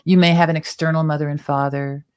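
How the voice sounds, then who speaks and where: A woman's voice: low voice, little pitch movement, quick pace, clear, resonant tone, dry recording, clean studio sound. Chatty woman hosting a tarot show. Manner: chatty, explains symbols at length. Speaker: tarot reader and show host. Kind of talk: explanatory tarot talk show.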